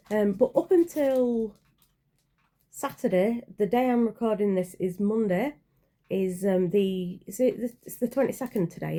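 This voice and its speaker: A channel creator in her forties chats casually in a vlog with a warm, mid-range voice. She rambles and hesitates, full of fillers and self-corrections.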